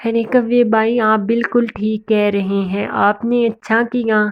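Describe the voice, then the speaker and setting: Gentle cartoon sparrow girl, a woman voicing her, soft and polite, slow, dull recording. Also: on the high side, level tone, vocal fry. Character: sweet clever female cartoon sparrow.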